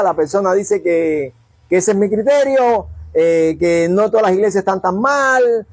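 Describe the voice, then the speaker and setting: A man's voice: sits high, dry recording. A man preaching a sermon, telling stories and acting out the dialogue. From Cuba. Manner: animated storyteller acting out dialogue. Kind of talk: sermon storytelling.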